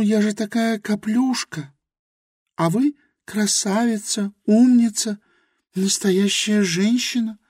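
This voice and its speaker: A woman voicing a timid, childlike young girl in an audiobook, with a soft, plaintive and pleading manner. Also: mid-range voice, dry recording, studio quality. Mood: wistful. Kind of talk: audiobook character reading.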